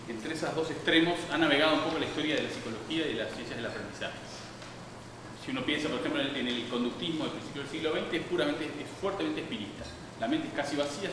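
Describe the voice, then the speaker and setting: A man delivers a public science lecture in a lecture hall, rambling off on tangents with frequent restarts and fillers. His voice is fairly high, animated, and fast, captured from a distance with hall echo and background noise.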